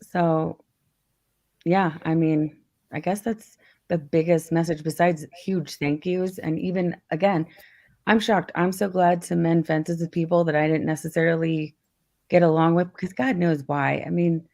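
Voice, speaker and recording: A woman hosts a loose online chat show with a gravelly, rough-edged voice that sits on the low side. She talks bluntly, swears freely and laughs a lot. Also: steady tone, a little slow, a little mellow. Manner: blunt, profane, laughing often. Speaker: host. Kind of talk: casual livestream chat.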